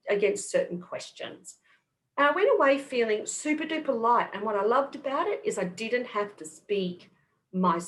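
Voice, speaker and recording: A middle-aged woman with an Australian accent, a guest on a podcast, explaining things patiently. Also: medium pitch. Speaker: guest kinesiologist. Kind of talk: podcast interview.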